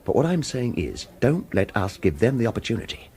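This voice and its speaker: In this radio drama, an actor plays an evasive hitman who narrates in first-person noir and shields his lover with hesitant, protective reassurance. His mid-range voice swings widely in pitch, moving briskly, a little mellow with a breathy edge, in an earnest, cautious mood.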